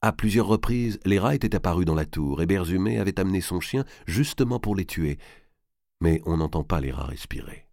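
Deep-voiced man reading a novel aloud. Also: expressive, a little mellow, dry recording, studio quality. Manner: measured, dramatic reading. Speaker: narrator. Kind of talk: scripted narration of a historical novel.

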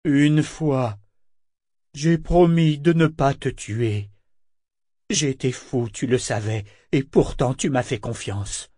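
A man reading aloud voices a huge living ship, male, solemn and steady, in slow, grave declarations. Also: mid-range voice, no echo, clean studio sound.

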